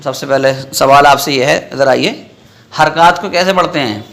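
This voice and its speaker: In an echoey madrasa classroom full of students, a man teaches a Quran reading lesson. His fairly high, fairly bright voice moves at normal speed as he drills syllables one at a time and keeps checking that his students follow along.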